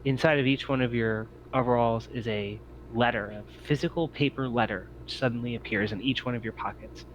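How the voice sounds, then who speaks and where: The game master here is an easygoing man narrating a tabletop roleplaying game conversationally, his medium-pitched voice steady and brisk with hardly any pauses. Faint background noise and slightly dull audio come through.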